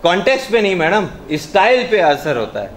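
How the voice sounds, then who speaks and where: A man's voice: high-pitched, sing-song, a little fast. A male trainer running an interactive workshop, stressing words emphatically, quizzing his audience and mixing in English. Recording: echoey room, far from the mic, faint noise.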